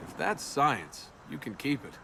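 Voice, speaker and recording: An actor with an American accent plays a young, wisecracking adventurer as a video game's lead, sounding wry, flippant, and sarcastic. His mid-range, gravelly voice swings widely in pitch at a measured pace, heard as game audio over loud ambient noise.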